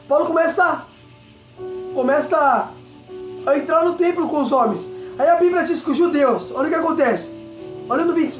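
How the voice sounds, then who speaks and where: A man with a Brazilian Portuguese accent preaching a fervent Pentecostal sermon, often repeating catchphrases and shouting praise. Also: very high-pitched. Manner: fervent, repeats "entenda isso aqui", exclaims aleluia. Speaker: evangelist preacher. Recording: echoey room with faint music. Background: faint music.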